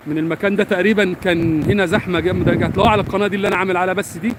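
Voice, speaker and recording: A man's voice: high voice, steady tone, very fast. A man with an Egyptian accent chatting casually to viewers on a live stream from a beach, earnest and talkative, recorded on a handheld phone. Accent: Egyptian Arabic. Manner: chatty and earnest, swears by God often. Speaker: vlogger. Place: beach outdoors in wind. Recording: wind noise on phone mic.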